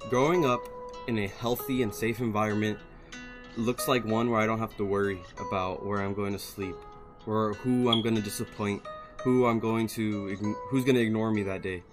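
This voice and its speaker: A man's voice: lowish voice, steady tone, normal speed. A young man giving a sincere personal testimony in a video, repeating his phrases. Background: soft guitar music.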